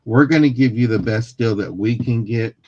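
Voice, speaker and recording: A man in a live sale chat lays out the shop rules with jokes and easy laughter. His mid-pitched voice comes through dull and dry, with a muffled lo-fi sound. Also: normal speed, darkish tone, dry recording. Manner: joking, reassuring, laughs often. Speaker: seller explaining shop rules.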